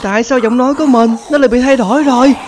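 Raspy glitched zombie demon, as a man puts it on, high croaky voice, loud game noise behind. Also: normal speed. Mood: alarmed. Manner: excited, exclaiming to viewers.

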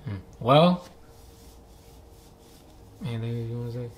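A man's voice: medium pitch, slow, background noise. A man co-hosting a casual music video reaction, talking loosely and acting out quoted lines in put-on voices.

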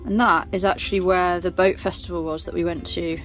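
A woman's voice: fairly low pitch, fairly even intonation, fairly quick, a bit bright, soft background music. A young woman chatting casually on a travel vlog, thinking aloud with fillers as she films on a phone at arm's length outdoors on a canal boat. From England. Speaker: vlogger.

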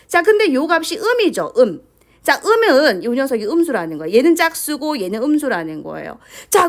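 Female math teacher, animated pitch, high-ish voice, prompting students with constant questions. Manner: lively, keeps asking questions and prompting with "자". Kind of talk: lecture to students.

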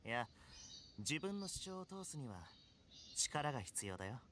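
A man voicing a suave young top-ranked gamer in a Japanese anime game, speaking with smooth, courteous confidence and quiet menace. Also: medium pitch, very animated, slight background noise. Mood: smooth, self-assured. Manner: smooth, courteous, unhurried phrasing with cool confidence.

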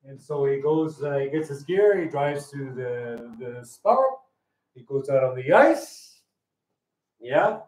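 A man's voice: mid-range voice, lively intonation, slow, a little mellow. A man chatting casually in a hair salon, telling long rambling jokes and slipping into voices for the characters. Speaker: hairdresser. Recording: echoey room, mic far off.

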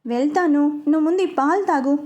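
Storybook young husband, firm and pleading, high soft mellow voice, a woman reading him. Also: fairly quick, natural voice. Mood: coaxing. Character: young man, stubborn but caring husband.

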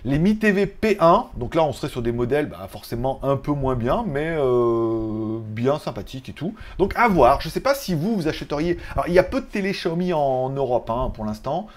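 A man's voice: mid-range voice, very animated, moderate pace, hardly any pauses. A man hosting a casual tech news vlog, rambling in a chatty way with joking asides. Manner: chatty, joking asides, laughs at own jokes.

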